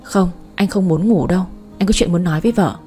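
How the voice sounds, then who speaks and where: A woman reading the part of a drunk young husband, speaking in a slow, drawn-out, whiny slur. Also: on the low side, mellow, soft background music, natural voice. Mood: drunk wheedling. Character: drunk young husband, slurring, clingy and tender.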